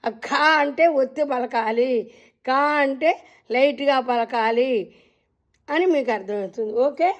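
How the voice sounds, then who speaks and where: Slow-chanting high-voiced woman teacher. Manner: drawn-out chanting of letter names; gentle, addresses listeners as amma. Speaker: Telugu alphabet teacher.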